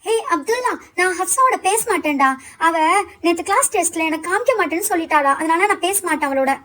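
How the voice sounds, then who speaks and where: A woman's voice: very high-pitched, expressive, quick pace, pushed and bright, full character voice. Woman voicing a bossy sulking schoolgirl. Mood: stubborn. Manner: stubborn, boastful, sulky. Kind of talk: doll show role-play.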